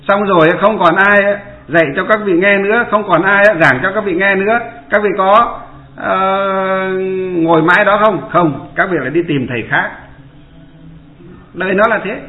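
A man, a Buddhist monk giving a dharma talk and asking his listeners rhetorical questions. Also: sits high. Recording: echoey room over a tinny line.

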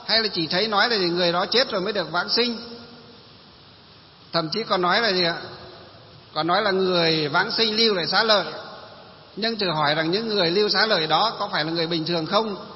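A man's voice: sits high, quick pace, long pauses. A man giving a Buddhist sermon who keeps posing questions to his listeners and answering them himself. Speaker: Buddhist preacher. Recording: long hall reverb, dull lo-fi sound.

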